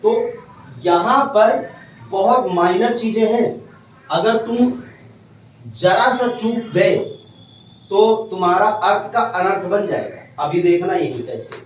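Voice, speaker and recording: A man's voice: high-pitched, takes it slowly, pauses often, slight background noise. A man teaching a grammar lesson to a class, often stopping to check whether his students have understood. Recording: echoey room from far off.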